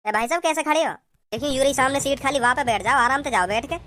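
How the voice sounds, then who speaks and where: A woman's voice: high-pitched, quick pace, fairly bright tone, a little hiss or hum. A woman voicing a polite, fussy male train passenger in a cartoon, with a chatty, coaxing way of talking. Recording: cartoon soundtrack with music bed. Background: background music.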